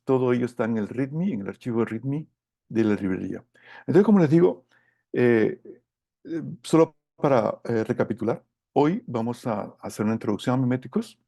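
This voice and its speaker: A middle-aged man giving a technical lecture from slides, speaking haltingly as he searches for his words. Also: medium pitch, animated, creaky, mellow, no echo, studio quality. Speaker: course lecturer.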